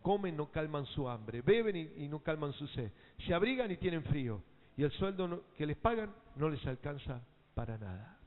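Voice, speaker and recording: Argentine pastor preaching in an echoing hall. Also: male voice, on the high side, sing-song, moderate pace. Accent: Argentine Spanish. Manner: emphatic call-and-response preaching. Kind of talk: sermon. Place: church hall. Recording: tinny phone-like sound in a reverberant hall.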